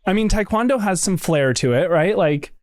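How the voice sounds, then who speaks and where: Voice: medium pitch, animated, moderate pace, a little mellow, no echo, clean studio sound. A host reading a scripted introduction and asking a guest about their life in easy conversation. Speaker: podcast host. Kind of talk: scripted intro and interview questions.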